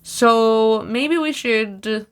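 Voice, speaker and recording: A woman's voice: a little high, extremely slow, smooth. A young woman co-hosting a casual podcast, chatty and wry, full of fillers and restarts. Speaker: podcast co-host. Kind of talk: casual chat.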